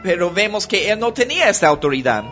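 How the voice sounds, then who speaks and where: Man, preacher, sermon, high voice, earnest, halting, dull lo-fi recording, faint music behind. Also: big pitch swings, sharp tone. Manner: earnest, halting with many restarts.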